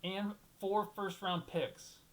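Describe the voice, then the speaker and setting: Young guy rambling solo about basketball, voice a bit high, cusses casually, keeps restarting his sentences. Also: steady tone, slow pace, rough recording. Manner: rambling, thinks aloud, restarts often; blunt, swears casually. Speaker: host of a solo basketball talk show.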